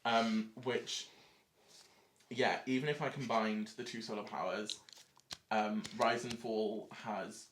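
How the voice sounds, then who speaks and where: A man co-hosting a casual podcast chat, talking fast and gushing with lots of "like" and "um". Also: on the low side, fairly even intonation, fairly bright tone, slight background noise. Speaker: podcast co-host.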